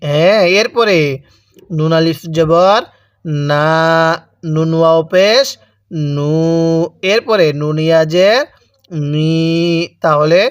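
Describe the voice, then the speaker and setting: A man's voice: fairly high pitch, slow, long pauses, clear, resonant tone, dry recording, studio quality. A man teaching Arabic letter reading in a lesson, with a Bangladeshi Bengali accent, drilling syllables one by one. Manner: drills syllables, repeating each one for the learner. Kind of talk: slow recitation lesson.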